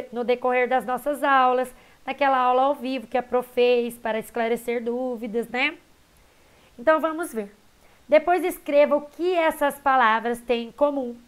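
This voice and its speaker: A Brazilian woman teaching a recorded class in a high, bright-pitched voice. She talks to her students affectionately and patiently, pausing to check they are following. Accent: Brazilian Portuguese. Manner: warm, addresses students as "queridos", checks in with "tá?" and "beleza?".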